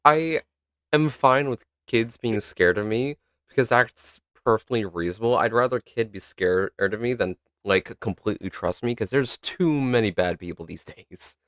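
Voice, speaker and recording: A young man co-hosting a casual podcast chat, swearing freely and laughing loudly. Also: fairly low pitch, moderate pace, dry recording, clean studio sound. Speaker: podcast co-host.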